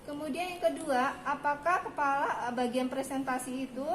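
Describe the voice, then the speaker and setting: Woman teacher walking students through an exam, fairly high voice, noisy echoey room. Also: normal speed, fairly bright tone. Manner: explains step by step, checking students understand. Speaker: midwifery instructor. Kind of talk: hands-on clinical demonstration. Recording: echoey room with background noise.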